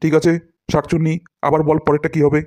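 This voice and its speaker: A man playing a self-important cartoon teacher who scolds his pupils and hams up every word he demonstrates. His voice sits a little high for a man, recorded close and dry with no room sound. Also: monotone, fast, a little mellow, dry recording, natural voice. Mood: scolding. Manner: pompous, scolding, theatrical demonstrations of words. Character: boastful, scolding male English teacher. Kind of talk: cartoon voice acting.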